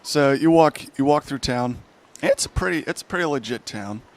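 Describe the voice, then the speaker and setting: A man's voice: medium pitch, lively intonation, moderate pace. A man narrating a tabletop game as game master, rambling and correcting himself often.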